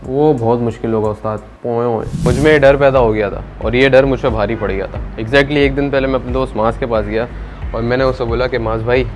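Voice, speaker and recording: A man's voice: mid-range voice, steady tone, a little fast, soft background music. A young man vlogging about his first stand-up comedy, talking conversationally as a self-described introvert and slipping into English phrases. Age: young adult. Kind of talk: reflective storytelling.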